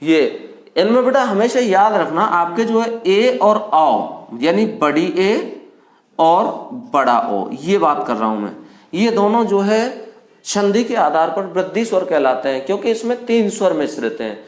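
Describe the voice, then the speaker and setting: Male grammar teacher, high voice, quizzes his students and answers himself, stretches vowels slowly, roomy classroom sound. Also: big pitch swings. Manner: asks the class questions and answers them himself, addresses students as beta; draws vowels out slowly to show their length. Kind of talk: classroom lecture. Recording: echoey classroom.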